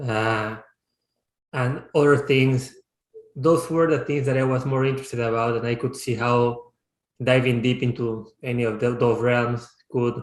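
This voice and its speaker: A man in his thirties from Peru, a startup founder, answering interview questions reflectively and often pausing to restart his sentences. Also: medium pitch. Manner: reflective, searching for words with frequent restarts. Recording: roomy, echoey sound.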